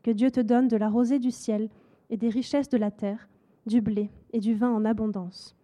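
A woman voicing a blind old patriarch who speaks in grave, measured pronouncements. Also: a little high, steady tone, dark tone, natural voice. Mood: solemn.

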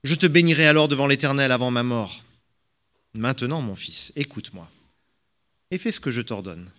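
A man's voice: medium pitch, animated, normal speed, a bit bright, close to an everyday voice. A man voicing a scheming mother who gives firm, urgent orders in a scripture reading.

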